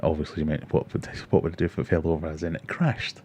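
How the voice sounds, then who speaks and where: A Glaswegian man in his forties hosts a casual livestream from Scotland, talking fast in a warm, rumbling low voice with little pitch movement. He reads comments, chats with viewers and tells self-mocking stories over slight background noise.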